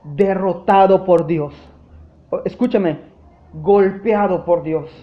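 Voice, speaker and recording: A man's voice: high voice, takes it slowly, reverberant, dull audio. A man preaching a sermon as pastor, with an impassioned delivery that keeps addressing the congregation directly. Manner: impassioned preaching, often calling out "hermanos". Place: church.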